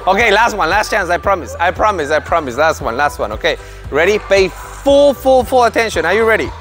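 A man's voice: high voice, big pitch swings, a little fast, fairly bright tone, soft background music. A man in his thirties coaching young children on an indoor tennis court, explaining drills to the camera and calling out commands to the kids in an upbeat, encouraging way. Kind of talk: instructional video narration.

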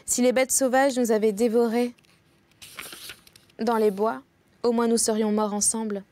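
A woman's voice: on the high side, level tone, a little slow, a little mellow, close to an everyday voice. A woman voicing a frightened little girl in a fairy tale, speaking plaintively. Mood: pleading.

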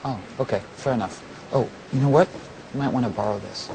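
A man's voice: mid-range voice, brisk, gravelly, natural voice. Man playing a wry, flustered guy, noisy audio. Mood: sarcastic.

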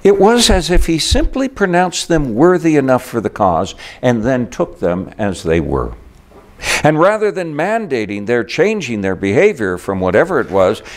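A man's voice: medium pitch, wildly swooping pitch, moderate pace. An older man, a priest, delivering a sermon with wry, storytelling asides.

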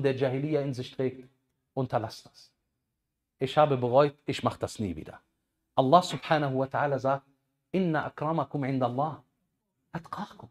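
A man in his thirties giving a lively sermon on a headset mic, swinging between loud bursts and quiet asides. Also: fairly high pitch. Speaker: preacher.

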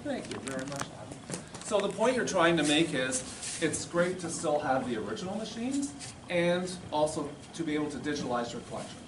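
At a society meeting, a middle-aged man gives an informal, plain-spoken demonstration talk that explains things, indoors in a classroom or lecture room. His slightly high voice is brisk and sing-song. A far-off camera picked it up, so the sound is roomy, distant and noisy.

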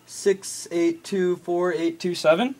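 A young American man, in his teens or young adulthood, makes an improvised prank phone call, talking casually and haltingly in a high, level, slightly mellow voice. He sits at a desk in a small room, filmed on a camera phone held at arm's length, and the amateur video is noisy with clicks.

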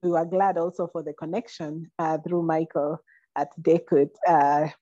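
A woman's voice: low-pitched, little pitch movement, normal speed, mellow, no echo. A young woman moderating a webinar, thanking the speaker and reading out audience comments on a video call. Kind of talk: closing remarks and reading comments. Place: small indoor room. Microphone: phone or laptop on a video call. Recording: dull, dry video-call audio.

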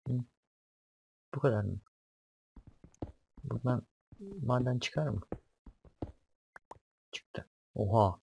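A man's voice: mid-range voice, slow, vocal fry, pauses often, a little mellow, a little hiss or hum. A young man doing casual let's-play commentary, talking to himself as he explores, swearing and jumpy at scares. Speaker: gaming YouTuber.

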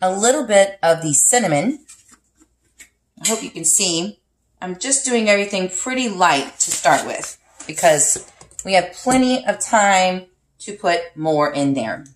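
Woman w/ lowish voice chatting thru a recipe in her kitchen, casual how-to vlog, camera on the counter. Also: animated, a little slow, a little hiss or hum. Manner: chatty, instructive, counts out spice shakes. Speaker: cooking vlog host. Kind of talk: casual cooking demonstration. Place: home kitchen, indoors.

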